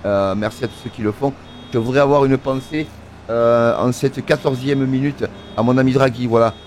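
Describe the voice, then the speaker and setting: Steady and mid-pitched, with a darkish tone and moderate pace, a man narrates his farming game casually. A little hiss or hum sits under the audio. He's a gaming creator who rambles with fillers and banters with the in-game workers.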